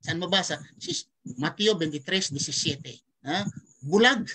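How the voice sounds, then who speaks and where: A man's voice: a little high, animated, a little slow, bright, forceful tone, slight background noise, poor audio. A man giving an argumentative religious lecture over an online call, pressing rhetorical questions with a repeated "ha?". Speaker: religious debater.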